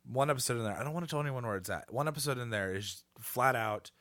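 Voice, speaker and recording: A man's voice: mid-range voice, fast talker, a bit bright, no echo. A man co-hosting a gaming podcast, talking with enthusiasm and casual swearing. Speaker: podcast co-host. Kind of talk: casual chat.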